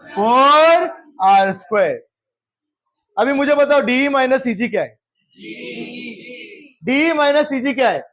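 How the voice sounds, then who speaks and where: A man's voice: very high voice, lively intonation, takes it slowly, pauses often, a bit bright. A male math teacher, lecturing a class in geometry, often repeating questions and checking whether anyone has doubts, and mixing English terms into his speech. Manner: mixes English terms into Hindi.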